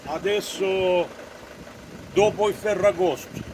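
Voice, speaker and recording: A man's voice: high-pitched, slow pace. A man, a travelling repairman talking in the street. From southern Italy. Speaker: travelling knife grinder and cooker repairman. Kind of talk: street vendor talk. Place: outdoors in a village street. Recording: loud street and vehicle noise.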